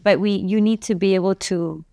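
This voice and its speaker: Chatty woman with a smooth, clear voice. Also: medium pitch, fairly quick, no room sound, studio quality. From Malaysia. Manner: chatty, animated storyteller, acts out quoted exchanges. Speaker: guest, youth entrepreneurship advocate. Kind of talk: casual panel chat.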